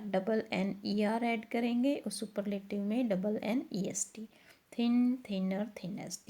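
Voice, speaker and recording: A woman, teaching a grammar lesson step by step. She asks questions and answers them herself, and reads the English sentences slowly. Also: fairly high pitch, warm tone.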